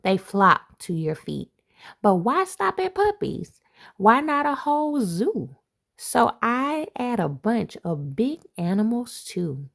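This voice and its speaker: An assistant principal slowly reads a rhyming picture book aloud to children, her fairly high voice swooping up and down with delight and carrying a gravelly edge of fry. She reads expressively and breaks off now and then for playful asides to her young listeners.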